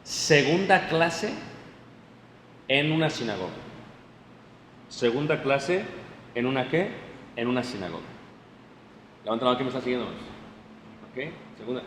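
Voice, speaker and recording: A man's voice: medium pitch, lively intonation, unhurried, pauses often, a bit bright. A man preaching a teaching sermon, explaining with homely everyday examples and quizzing the congregation with questions. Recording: roomy hall reverb, faint noise.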